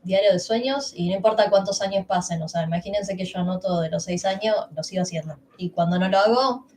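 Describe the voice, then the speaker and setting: A woman's voice: medium pitch, a little fast, a little mellow. Woman, young adult, rioplatense accent, livestream co-host, casual chatty explaining, faint background noise. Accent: Rioplatense Spanish. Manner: chatty, self-interrupting, slangy. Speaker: workshop co-host.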